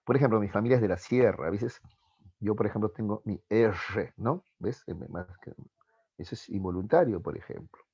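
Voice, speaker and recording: A man's voice: on the low side, moderate pace, dark tone, slightly rough, no echo, lo-fi sound. A male teacher giving an online class lecture, often stopping to check that his students follow. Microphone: video call.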